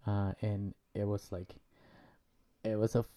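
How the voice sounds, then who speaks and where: A podcast host in his thirties conducts a conversational interview, asking questions casually and hesitantly, using many fillers as he works them out. His voice is lowish, dark, level in tone, and unhurried.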